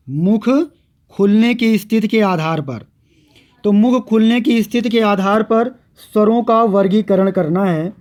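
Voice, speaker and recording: A man teaching a grammar lesson, speaking slowly and patiently and repeating each definition so that students can write it down. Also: high voice, a little mellow. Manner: slow and patient, repeating definitions for note-taking. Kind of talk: classroom lecture on grammar.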